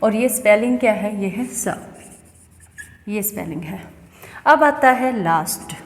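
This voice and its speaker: A woman's voice: mid-range voice, lively intonation, measured pace. A woman from India teaching an English pronunciation lesson, explaining step by step and often asking the student questions. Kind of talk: classroom lesson. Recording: echoey room with long reverb.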